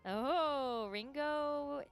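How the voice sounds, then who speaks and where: A woman's voice: sits high, extremely slow, soft background music. A woman doing live esports commentary, thoughtfully weighing the players' choices. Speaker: esports caster.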